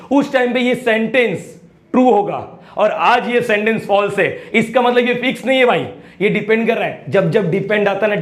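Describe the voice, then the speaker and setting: A man teaching a math lesson, often repeating his questions and prodding students to answer, mixing casual street with English terms. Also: sits high. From Mumbai, India. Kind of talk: lively classroom-style lecture.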